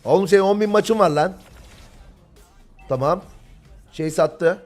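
A young man from Turkey giving live, excitable commentary on a mobile game match and calling out moves to the players. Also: sits high, measured pace, soft background music. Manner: excitable, yells at players when the fight heats up.

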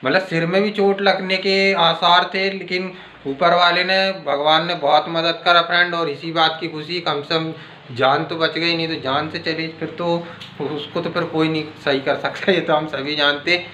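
A man's voice: fairly high pitch, fairly even intonation, normal speed, sharp tone, roomy sound, a little hiss or hum. A man chatting casually to viewers in a home vlog, filming on his phone in the kitchen. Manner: chatty, addresses viewers as friends. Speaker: vlogger.

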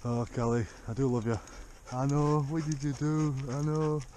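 A man's voice: mid-range voice, steady tone, normal speed, mellow, slight background noise. Man muttering fondly at his dog. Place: rocky lakeshore outdoors.

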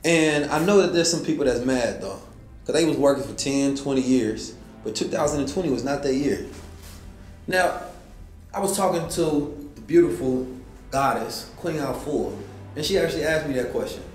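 A man's voice: medium pitch, expressive, normal speed. A man giving a motivational talk as host, preaching and asking rhetorical questions. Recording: roomy echo with faint music.

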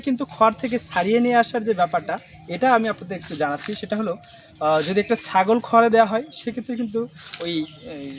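A man hosting a casual explainer video for viewers, talking haltingly with many drawn-out fillers. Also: sits high, slight background noise. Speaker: video host addressing viewers.

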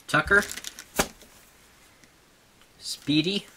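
A man's voice: fairly high pitch, extremely slow, noisy background. A man casually showing off his toy collection at home, chuckling and stopping to talk to his dog. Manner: chuckling, easily distracted, talks to his dog between items. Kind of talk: casual home video show-and-tell.

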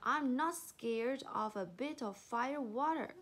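A woman's voice: high voice, expressive, slow pace, a bit bright, heavily acted. A woman voicing a confident male hippopotamus in a storybook.

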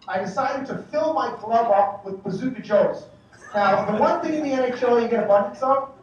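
A man in his forties speaking as master of ceremonies at an awards banquet, telling a lively, joking story and acting out the shouting. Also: very high-pitched, slight background noise. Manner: animated, joking anecdotes with acted-out shouting. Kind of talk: after-dinner storytelling speech. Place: large banquet hall. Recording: echoey hall from far off, faint dish clatter.

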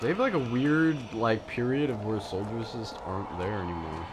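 A man's voice: fairly low pitch, moderate pace, noisy background. A man co-hosting a let's-play, teasing and directing the player with jokes. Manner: joking, teasing backseat gamer. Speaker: co-host of a gaming channel. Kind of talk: casual let's-play commentary.

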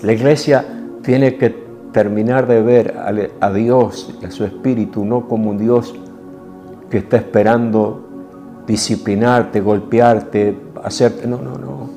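A man with a Rioplatense Spanish accent preaching a sermon in an intimate, emotional way, moving from soft hushed passages to forceful rises. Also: fairly low pitch, steady tone, slow, soft background music. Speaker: apostle preaching.

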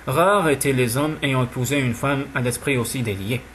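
A man narrating a romance novel in an audiobook, with smooth, even storytelling. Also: mid-range voice, normal speed, a little hiss or hum.

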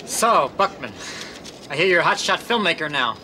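An actor playing a bitter, sarcastic, unhinged subway clerk in a sitcom, needling and mocking. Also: male voice, a little high, animated, moderate pace, pushed and bright, some chatter behind. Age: 30s. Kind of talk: sitcom acting. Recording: noisy TV soundtrack with studio audience.

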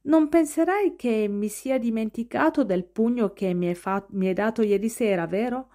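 A woman's voice: a little high, moderate pace, dark tone, lightly acted. A woman voicing an arrogant teenage boy who speaks in a menacing, condescending way, in a storybook reading.

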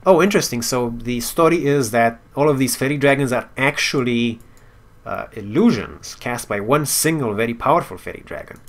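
A man with a medium-pitched, animated voice talks at a moderate pace while commenting casually on a game. He thinks aloud, tosses in wry asides, and sometimes reads the story text out loud.

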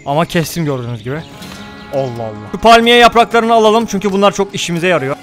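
A man giving casual let's-play commentary, excitable, talking to his viewers and cursing at the game. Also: sits high. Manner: excitable, talks to viewers, mutters and curses at the game. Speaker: gaming YouTuber.

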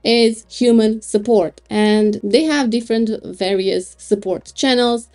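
A woman reviewing web hosting plans over a screen recording, thinking aloud in an unhurried way with small laughs. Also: a little high, fairly even intonation, darkish tone. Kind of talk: screen-recorded product walkthrough.

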